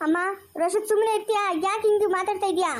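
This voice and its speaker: Woman as an exasperated daughter, high pitch, fast, insistent. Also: fairly even intonation. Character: exasperated grown daughter pleading with her mother. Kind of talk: family drama skit.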